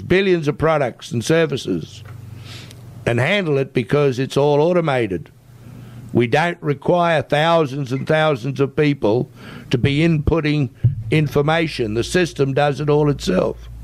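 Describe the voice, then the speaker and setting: A man's voice: a little high, a little slow. A man with an Australian accent speaking as an interview guest, explaining and persuading in an emphatic, insistent way and often checking with "right?". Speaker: interview guest, tech entrepreneur.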